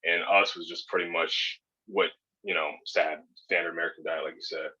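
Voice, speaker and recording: A man in his thirties with a very low, husky voice that still carries a bright, tense edge. He talks as a podcast guest, easygoing and rambling, full of fillers and restarts. The recording sounds dull and lo-fi. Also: steady tone, normal speed. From born in California, raised in Hawaii and Spain. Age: 30s. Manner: laid-back, rambling with many fillers and restarts. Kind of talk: casual podcast interview.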